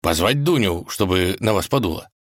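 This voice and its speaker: A man's voice: low voice, expressive, normal speed, no echo, clean studio sound. A man voicing a bewildered, caring old tsar who speaks in a puzzled, mild manner.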